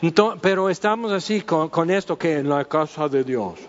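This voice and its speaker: Joking, high-voiced Mexican pastor. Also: male voice, normal speed, dull audio, a little hiss or hum. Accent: Mexican Spanish. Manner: animated, joking, acts out little scenes. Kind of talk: humorous sermon.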